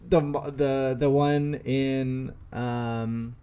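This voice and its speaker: A man co-hosts a casual comedy podcast at an ordinary pitch. He rambles, restarts his sentences and reads letters out slowly, one by one. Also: little pitch movement, dark tone, slight background noise. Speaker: podcast co-host.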